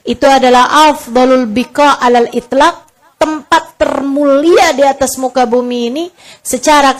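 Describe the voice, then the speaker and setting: A woman preaching an Islamic lecture, chatting with her audience and acting out the people in her stories. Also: high voice. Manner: conversational, addresses audience as friends, acts out dialogue. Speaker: religious preacher.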